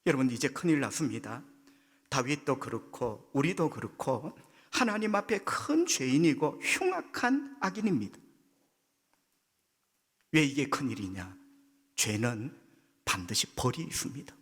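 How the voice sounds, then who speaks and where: A male pastor with a Gyeongsang accent preaching a sermon, leaping in pitch as he acts out quoted voices. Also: big pitch swings, unhurried, long pauses, slightly rough. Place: church sanctuary. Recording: long church hall reverb.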